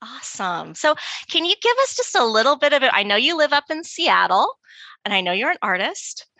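A woman's voice: on the high side, big pitch swings, fairly quick, pushed and bright, dry recording. A woman hosting a podcast interview, enthusiastic and full of exclamations. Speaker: podcast host.

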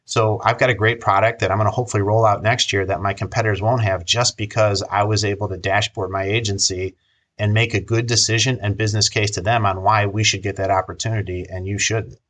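A man's voice: fairly low pitch, steady tone, fast, fairly bright tone. A man who owns an agency, speaking as a guest in a casual podcast interview, earnest and appreciative.

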